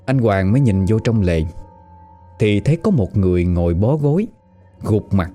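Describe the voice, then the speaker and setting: Lively low-voiced Southern Vietnamese storyteller. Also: male voice, moderate pace, faint music behind. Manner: lively, conversational. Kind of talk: spoken storytelling.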